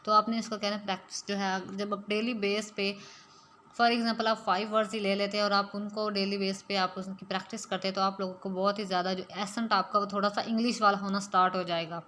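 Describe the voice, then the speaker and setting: A woman gives a spoken-English lesson at a middling pitch. She explains patiently, step by step, and drops English phrases into her sentences. A faint hiss sits under the recording. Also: little pitch movement, a little fast, sharp tone. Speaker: English teacher.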